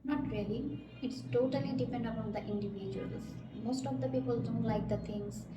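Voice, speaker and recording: A woman's voice: fairly high pitch, steady tone, moderate pace, music in the background. A young woman from Bangladesh answering questions in a mock speaking exam, hesitant and searching for words with frequent fillers. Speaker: test candidate. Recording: echoey room, far from the mic, loud background noise.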